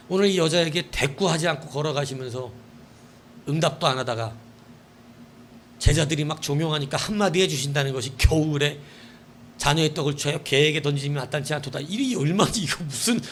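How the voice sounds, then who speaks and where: A man pastor preaching a night-service sermon, emphatic, acting out imagined dialogue and swinging between loud outbursts and hushed asides. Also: on the high side, brisk, a little hiss or hum. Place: church.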